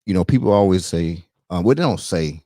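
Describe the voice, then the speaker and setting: This is a man hosting a podcast in his own studio, with a deep voice. He talks fast and easygoing, with lively swings in pitch and a lot of "you know what I'm saying". The mic sound is close and dry. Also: dry recording. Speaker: podcast host. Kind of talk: casual chat.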